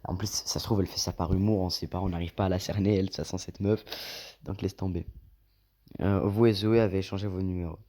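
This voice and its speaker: A man with a low, mellow voice gives let's play commentary. He reads the game's lines aloud and keeps drifting into long, slangy asides. His delivery is loose and talkative. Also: steady tone, fast. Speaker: gaming YouTuber.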